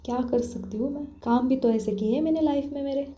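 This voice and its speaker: A meek, playful college girl plays the humble servant with a teasing tone, as a woman storyteller puts her on. Her voice is a bit high and very mellow. The sound is roomy and muffled. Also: a little fast, close to an everyday voice. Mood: complaining. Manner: mock-deferential and teasing. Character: meek, playful young female college student.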